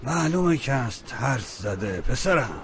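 A gruff practical uncle. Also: male voice, mid-range voice, very animated, a bit bright. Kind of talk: dubbed drama series dialogue.

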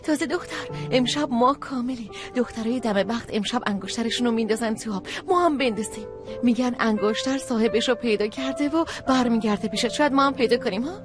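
A woman's voice: a little high, over music, lightly acted. An actress playing a young woman, a teasing, persuasive best friend, in a dubbed drama. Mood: playful. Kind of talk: dubbed drama series dialogue.

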